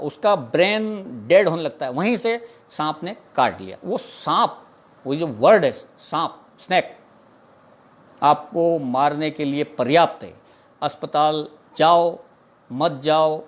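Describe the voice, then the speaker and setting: A man from India, a snake catcher, earnestly explaining in an informal talk, repeating himself and mixing in English words. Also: on the high side. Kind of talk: informal talk answering a viewer's question.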